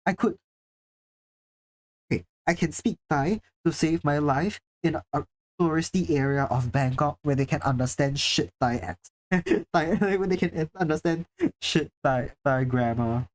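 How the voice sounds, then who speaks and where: Speaking at medium pitch and a little slowly, a livestreamer from Singapore chats casually with the audience while going through chat messages. Self-deprecating and talkative, they swear every so often.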